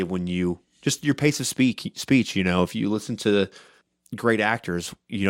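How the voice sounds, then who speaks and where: A man with a somewhat low voice talks loud and quick on a casual podcast, often ending thoughts with "right?". The sound is dry and close, with no room around it. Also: dry recording. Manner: fast-talking, loud, with many "right?" tags. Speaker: podcast co-host and game master.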